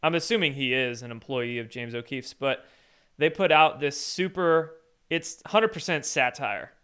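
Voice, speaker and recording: Commentary host, male, wry and animated, resonant voice. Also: mid-range voice, normal speed, smooth. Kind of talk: casual political commentary.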